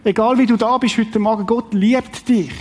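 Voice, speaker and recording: A man's voice: high voice, steady tone, moderate pace. A man preaching a sermon, reading scripture and speaking directly and earnestly to the congregation. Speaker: pastor.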